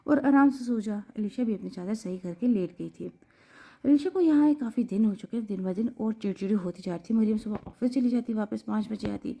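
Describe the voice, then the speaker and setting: A woman reading a romance novel aloud in an even, steady storytelling manner. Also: medium pitch, gravelly. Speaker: audiobook narrator.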